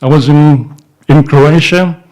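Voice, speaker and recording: An older man with a fairly high-pitched, dark voice speaks slowly and steadily into a handheld microphone. An entrepreneur at a society event, he tells stories to an audience in an indoor room in front of a banner, rambling with many restarts and fillers while gesturing with his free hand.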